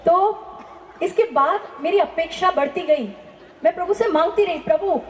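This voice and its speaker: A woman's voice: very high voice, normal speed, echoey room, slight background noise. A woman telling a personal faith testimony in an earnest, emphatic way, often asking rhetorical questions. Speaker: testimony speaker.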